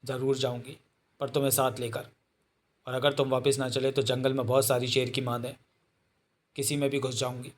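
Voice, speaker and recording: A man's voice: mid-range voice, level tone, normal speed, pauses often, lightly acted. A man voicing a stubborn, loving girl who speaks insistently and reproachfully.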